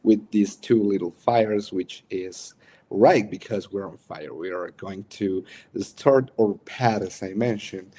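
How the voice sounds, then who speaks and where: A young man with a Mexican accent and native Spanish, coaching in a casual, halting livestream chat. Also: lowish voice, dark tone. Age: young adult. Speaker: coach hosting a livestream workshop.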